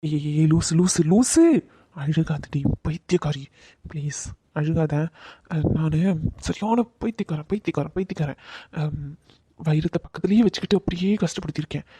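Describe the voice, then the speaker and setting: A woman's voice: deep voice, fairly quick, dark tone, breathy edge. A woman voicing an affectionate young husband in a cartoon drama, coaxing and apologetic. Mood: pleading.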